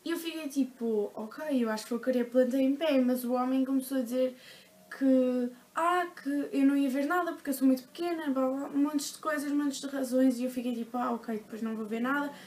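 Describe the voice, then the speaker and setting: A woman's voice: sits high, brisk, a little mellow. A young woman in her teens with a European Portuguese accent, telling a story to her vlog audience in a chatty, dramatic way, full of fillers. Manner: chatty, dramatic retelling with frequent "tipo" fillers. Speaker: vlogger. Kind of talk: casual storytelling to camera.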